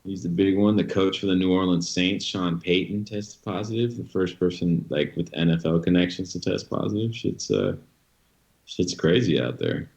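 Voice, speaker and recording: A man's voice: low-pitched, normal speed, vocal fry, a little mellow. A man co-hosting a casual live-stream chat, blunt and swearing freely. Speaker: co-host.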